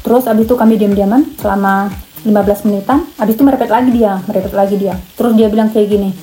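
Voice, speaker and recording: A woman's voice: mid-range voice, fairly even intonation, racing, warm tone, faint music behind, rough recording. A young woman from Indonesia telling a personal story in a casual, emotional vlog, repeating herself as she goes. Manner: emotional, repetitive, chatty. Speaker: vlogger.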